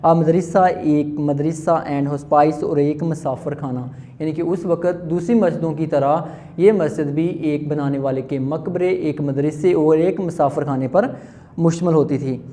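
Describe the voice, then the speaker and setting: Man reading English slowly, explaining in Urdu. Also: a little high, steady tone, mellow. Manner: reads English slowly word by word, then explains at length with many fillers. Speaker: English teacher.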